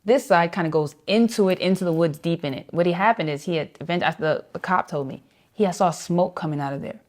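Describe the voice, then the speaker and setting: A woman's voice: on the low side, quick pace. A woman saxophonist being interviewed, telling a story vividly and acting out the voices of people she quotes. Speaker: jazz saxophonist guest.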